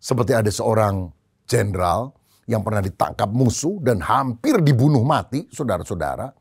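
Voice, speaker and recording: A man's voice: on the low side, expressive, normal speed, vocal fry, darkish tone, slightly rough, no echo, clean studio sound. Male pastor preaching a story-filled sermon. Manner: storytelling, conversational, rhythmic repetition.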